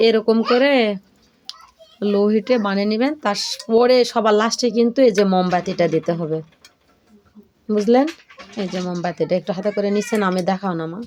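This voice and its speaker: An older woman and home cooking vlogger chatting casually through a kitchen demonstration, often checking that her viewers are following along. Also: medium pitch.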